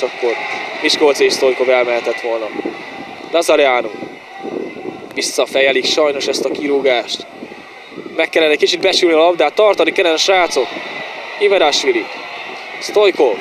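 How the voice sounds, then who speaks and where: A man giving excited, partisan live football commentary in short exclamations and repeated player names, as a home-side commentator. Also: on the high side, long pauses. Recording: noisy outdoor stadium sound.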